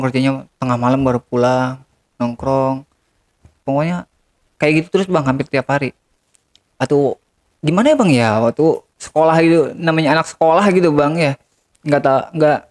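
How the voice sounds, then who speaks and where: A man, telling a regretful confession as an interview guest and often turning to the host. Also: on the high side. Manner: regretful, keeps addressing the host as "Bang". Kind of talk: confessional storytelling.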